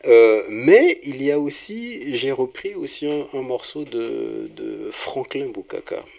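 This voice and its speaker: At a medium pitch with some vocal fry, this middle-aged man from Congo talks slowly in an interview about his work as a singer-songwriter. His manner is easygoing and hesitant, full of fillers and false starts.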